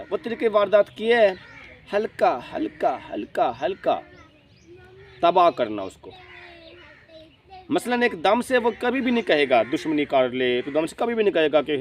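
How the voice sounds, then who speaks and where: A man hosting a religious lecture, emphatic and repetitive, asking and answering his own questions. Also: high-pitched. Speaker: host, spiritual lecturer. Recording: distant mic, faint outdoor noise.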